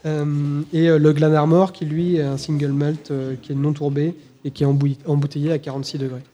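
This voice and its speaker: This is a man talking casually on a live podcast. His pitch sits a little high, and his tone is dark and mellow. He hesitates a lot, restarting sentences and filling gaps with "euh". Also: level tone, a little fast. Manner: hesitant, many fillers and restarts. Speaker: podcast co-host presenting whiskies. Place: live event recording.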